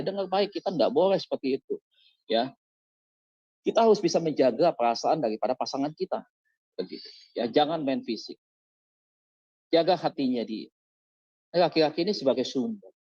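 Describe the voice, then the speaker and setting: A man's voice: on the high side, lively intonation, fairly quick, pauses often, warm tone, husky, no echo, highs cut off. A man preaching as pastor in an online service, exhorting his listeners and firing questions at them. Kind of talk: sermon over an online service. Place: online service on a video call.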